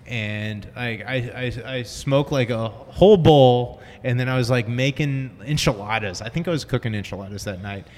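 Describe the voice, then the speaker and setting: A man's voice: mid-range voice, moderate pace, few pauses, a little mellow. A man chatting casually about music in a slangy, profane way. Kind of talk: casual chat. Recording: reverberant room with faint noise.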